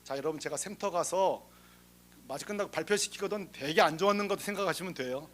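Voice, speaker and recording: A man who is a senior pastor, preaching a sermon with lively, humorous stories, acting out the people in them and asking the congregation questions. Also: fairly high pitch, fast, slight background noise. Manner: lively, humorous storytelling that acts out the people in the story; talks straight to the congregation with rhetorical questions.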